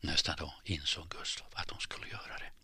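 A man reading a story aloud in measured scripted narration, often dropping to a hushed near-whisper. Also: very deep voice, steady tone, husky, no room sound. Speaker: audiobook narrator.

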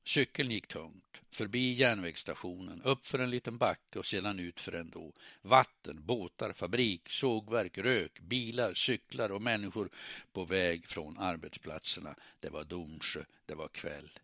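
Guy reading a crime story, low bright voice, dry close sound. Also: vocal fry, no echo. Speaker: narrator. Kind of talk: audiobook reading.

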